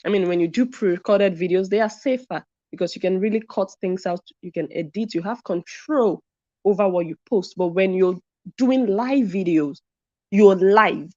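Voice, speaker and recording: Reading viewer comments on her live commentary channel, a woman repeats her points to stress them. She speaks at a normal speed in a mid-range voice with a dark tone. There's no room sound, and the audio is dull and lo-fi.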